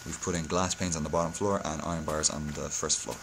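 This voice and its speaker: A man's voice: very deep voice, fairly even intonation, fast talker, vocal fry, very noisy. A hungover man giving a casual game-building tutorial, speaking hesitantly and often correcting himself. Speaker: video tutorial host.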